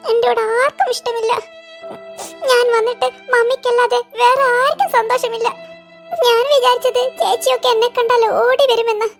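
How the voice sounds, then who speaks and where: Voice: very high voice, level tone, normal speed, gravelly, soft background music. A voice artist playing a cheeky, attention-seeking little boy in a comic cartoon, with a whiny, sulky voice.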